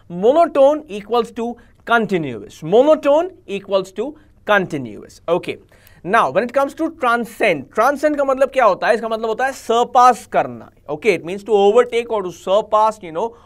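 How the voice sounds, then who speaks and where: A man with an Indian accent runs a live online vocabulary class, speaking slowly and deliberately. He coaxes his viewers, repeating every answer and pressing them to type along. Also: high voice. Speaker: exam coaching teacher.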